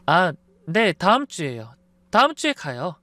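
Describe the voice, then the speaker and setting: A man voicing an evasive, polite young fiancée who talks softly and apologetically in a story. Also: sits high, big pitch swings, unhurried, no room sound, voice pushed up, exaggerated voice. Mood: hesitant. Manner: soft, pleading, apologetic.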